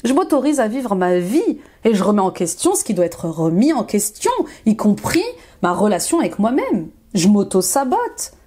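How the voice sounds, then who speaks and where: A woman's voice: medium pitch, warm tone. A woman life coach reading tarot cards for her viewers, encouraging and repeating affirmations, with frequent fillers and bursts of enthusiasm. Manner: enthusiastic, exclaims often.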